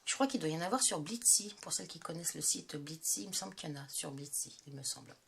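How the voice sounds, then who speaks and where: A woman's voice: low-pitched, lively intonation, fast, gravelly, slight background noise. Chatty woman with a head cold. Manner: chatty, hesitant with many fillers. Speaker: craft channel host. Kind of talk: casual tutorial narration.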